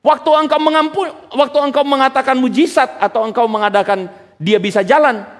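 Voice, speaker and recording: A man preaching a sermon in an animated way, full of rhetorical questions and casual slang, in a church hall. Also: extremely high pitch, a little fast. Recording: long hall reverb.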